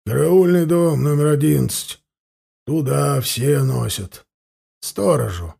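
Voiced by a man reading an audiobook, the peasant robber is blustering and hot-tempered, confessing with indignation as his gravelly voice swings up and down in protest. Even shouting back, he keeps a husky, dark timbre. The exaggerated voice sits on the high side and moves slowly.

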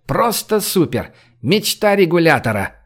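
A brash, joking man who runs the group, played by a male audiobook reader. He talks loud and bossy, with a pushed, lifted voice. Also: on the high side, big pitch swings, unhurried, pitched above the performer's own voice, heavily acted.

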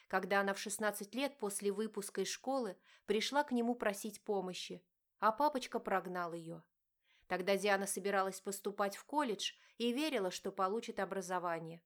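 A woman narrating an audiobook with an even, measured reading. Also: mid-range voice. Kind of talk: scripted narration.

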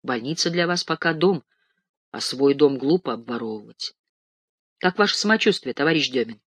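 A man reading an audiobook, voicing a brisk, encouraging male surgeon who speaks in a businesslike and approving way. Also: medium pitch, expressive, a bit bright, dry recording.

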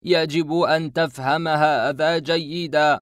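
A man voicing a frightened masked man in a storybook, speaking slowly and insistently with a shaky voice. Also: fairly high pitch, steady tone, no echo, studio quality, pitched above the performer's own voice, close to an everyday voice. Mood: fearful, insistent.

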